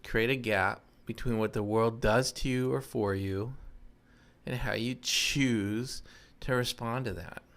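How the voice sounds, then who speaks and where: A man's voice: medium pitch, steady tone, slow, fairly bright tone. A man, giving a casual, earnest motivational talk. He reflects on his own failings in a self-deprecating way. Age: 50s. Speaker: self-improvement podcast host.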